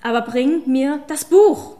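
A woman's voice: a little high, lively intonation, normal speed, natural voice. A woman reading an audiobook, voicing a fierce, power-hungry female witch who hisses and commands. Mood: fanatical. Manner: hissing, commanding, then shouting.

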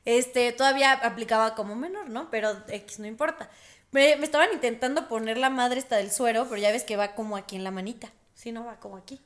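A woman's voice: on the high side, a little fast. A young woman with a Mexican accent, chatting casually as a podcast co-host and telling stories with lots of laughter and acted-out quotes. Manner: animated storyteller, laughs often, acts out quotes. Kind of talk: casual chat.

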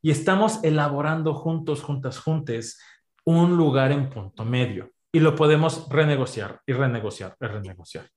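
Mexican guy on a podcast, kinda high voice, lively explainer, echoey room. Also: moderate pace. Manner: animated, explains with everyday examples. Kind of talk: podcast conversation. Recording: roomy echo.

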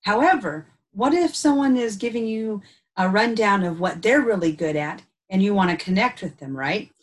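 A woman's voice: medium pitch, expressive, normal speed. A woman co-hosting a podcast, talking through ideas thoughtfully in casual chat with easy laughs. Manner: thoughtful, unpacks ideas aloud with frequent "and so" restarts; laughs easily. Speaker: podcast co-host.

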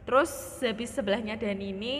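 A woman's voice: fairly high pitch, quick pace, in a large hall. A young woman in a casual podcast chat, telling stories about her study group in a chatty, giggly way. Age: young adult. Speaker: podcast co-host, medical student.

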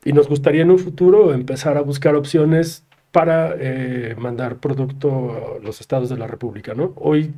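A man's voice: medium pitch, steady tone, moderate pace, few pauses, mellow. A man with a Mexican Spanish accent, a brewery guest explaining things in casual interview chat, with many fillers and tag questions. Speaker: craft brewery representative guest.

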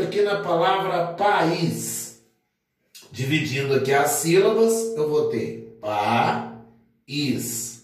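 Male teacher, slow and methodical, distant mic in an echoey room. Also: a little high. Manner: methodical, repeats points, many fillers. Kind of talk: grammar lesson at a board.

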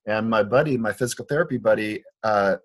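He talks fast, with a fairly low pitch: a foot doctor originally from Liberia, interviewed conversationally in a Portland, Oregon clinic. His explanation of his views is earnest and conversational, with many restarts.

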